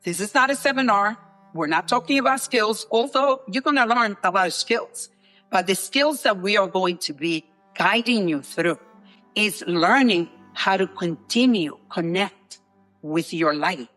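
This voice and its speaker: A woman from the Dominican Republic, co-founder of a leadership program, answers interview questions in a medium-pitched, slightly bright voice at a measured pace. She is eager, enthusiastic and emphatic, often repeating herself, with faint music underneath.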